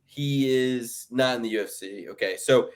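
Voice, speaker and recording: A man's voice: medium pitch, moderate pace. A man riffing on a casual sports picks podcast. He rants with energy and drops into mocking impressions of the other hosts. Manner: animated ranting with mocking put-on quotes. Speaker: podcast co-host. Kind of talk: casual sports-betting chat.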